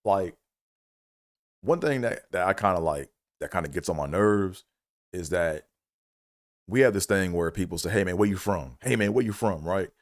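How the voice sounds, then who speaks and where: A deep-voiced, middle-aged man from Maryland, USA, a comedian and engineer, hosts his own livestream in a casual solo monologue. He talks loosely at a moderate pace with long pauses, lots of fillers and "you know what I'm saying." The studio-quality audio has no echo.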